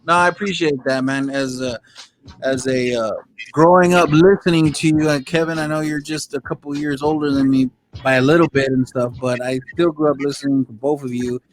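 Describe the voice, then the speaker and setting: A man hosting an online radio show, talking casually in chummy street slang and giving shout-outs. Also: a little high, steady tone, fairly quick, slight background noise, poor audio. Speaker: show host.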